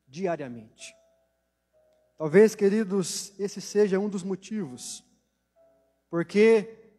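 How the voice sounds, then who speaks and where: A man preaching a sermon with a Brazilian Portuguese accent, delivering slow deliberate phrases that trail off softly at their ends. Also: high voice. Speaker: pastor. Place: church hall. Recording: long church hall reverb.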